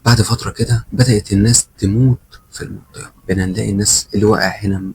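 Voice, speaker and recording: A young man with an Egyptian Arabic accent telling a first-person horror story in a quick, conversational way, acting out the lines of the people in it. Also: lowish voice, fairly even intonation, darkish tone, breathy edge. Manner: fast, conversational retelling with quoted dialogue.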